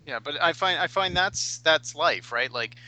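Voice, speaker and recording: Bright-voiced male podcast host. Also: fairly high pitch, animated, measured pace, no room sound, poor audio. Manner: conversational, asks questions, says "like" a lot. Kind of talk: casual podcast interview.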